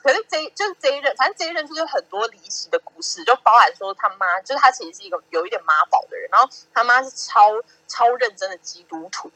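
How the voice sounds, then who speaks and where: In a casual podcast, a young Taiwanese Mandarin-accented woman talks fast with few pauses in a fairly high voice, animatedly acting out others' lines and laughing frequently as host. The recording lacks room sound but is poor in quality.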